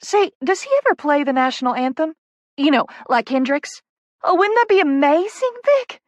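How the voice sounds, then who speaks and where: Squealing with excitement, an excitable little Southern woman in publicity is performed by the narrator of an audiobook novel, her high pitch rising in breathless, emphatic gushing. The bubbly, effusive drawl is lightly acted at a moderate pace, recorded close and dry with dull audio.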